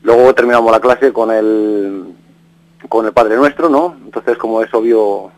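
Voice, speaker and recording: A middle-aged man from Galicia, Spain, speaks at a measured pace with a fairly low pitch, heard in poor audio from a radio broadcast. As an interviewee, he recounts things in a casual, rambling way, restarting sentences and adding tag questions.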